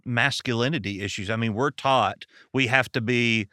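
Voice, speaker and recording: A man's voice: mid-range voice, normal speed, pushed and bright, no echo, studio quality. A man with a Southern American accent from Arkansas, hosting a podcast and chatting in a folksy, storytelling way. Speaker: podcast host and pastor. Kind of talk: casual podcast interview.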